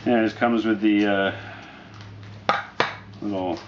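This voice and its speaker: Low-voiced man reviewing, dull noisy recording. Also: fairly even intonation, slow pace. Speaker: product reviewer. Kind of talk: casual review chat to camera. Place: living room, indoors, on a couch. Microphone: camera mic a short distance away. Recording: dull lo-fi audio with noticeable background noise.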